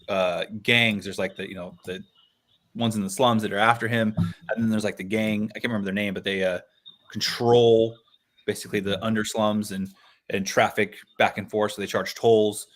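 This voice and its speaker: A man's voice: lowish voice, fairly bright tone. A man hosting a casual online book club livestream in a laid-back, slangy way. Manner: laid-back, says "dude" and "like" a lot. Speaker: livestream host.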